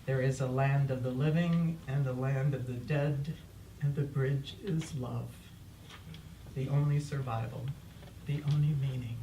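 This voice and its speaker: A funeral officiant giving closing words and prayer at a memorial, in a measured, reverent manner. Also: mid-range voice, steady tone, warm tone. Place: echoey indoor memorial service space. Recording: distant mic in echoey room, faint noise.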